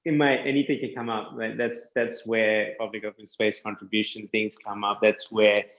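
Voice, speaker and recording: A man who works as a land surveyor, chatting casually and explaining things step by step with quick self-corrections. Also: lowish voice, little pitch movement, a bit bright, reverberant, dull audio. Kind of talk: casual podcast chat.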